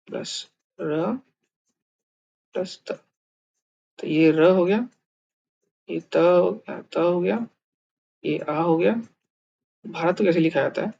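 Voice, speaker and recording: A man explains a lesson in a loose, unscripted way. He pauses, repeats words and fills gaps with hesitant sounds as he works things out aloud. The audio is a little dull and lo-fi. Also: fairly high pitch, vocal fry, a little mellow, breathy edge. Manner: thinking aloud, many fillers and repeats. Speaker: language teacher. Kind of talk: casual screen lesson.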